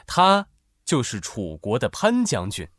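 A man narrating a children's story in an expressive, animated way. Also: medium pitch, measured pace, no echo, clean studio sound.

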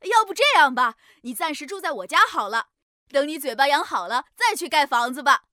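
A high, bright and friendly beaver, played by a woman in a children's storybook, kind, modest and eager to help. He explains things patiently and warmly. The recording is close and dry. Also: lively intonation, brisk, no echo. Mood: generous. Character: kind, helpful young male beaver, cheerful and modest.

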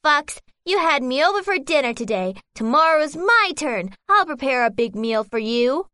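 A polite, clever stork from a children's storybook who knows how to get even, played by a woman. The voice is high and bright, with a lively lilt. It sounds close and dry. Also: moderate pace, dry recording, full character voice. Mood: cool, knowing. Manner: polite, then sharp and cool when getting even. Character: long-beaked female stork, polite and clever. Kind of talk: storybook character reading.

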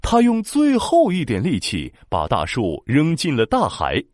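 A man tells a children's story in an animated, expressive way, his pitch leaping widely through every phrase at a slightly slow pace. The sound is close and dry, with no room or echo around it.

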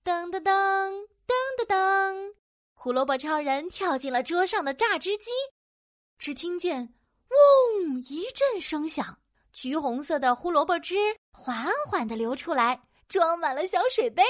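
Animated woman narrating a children's story. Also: high-pitched, normal speed, dry recording, studio quality. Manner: animated, playful, sound-effect words.

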